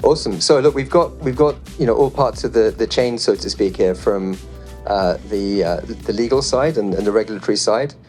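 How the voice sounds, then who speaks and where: A man with a somewhat low voice moderates a panel discussion before a live audience. He keeps it loose and conversational, reading figures off his phone and tossing in dry asides. Faint music plays underneath. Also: normal speed. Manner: relaxed and chatty, reading statistics off a phone with light jokes.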